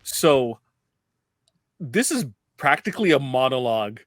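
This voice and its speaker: A man's voice: mid-range voice, big pitch swings, a little slow, no echo. A man co-hosting a podcast, chatting informally and offering opinions on a film. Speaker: podcast co-host. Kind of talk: casual film chat.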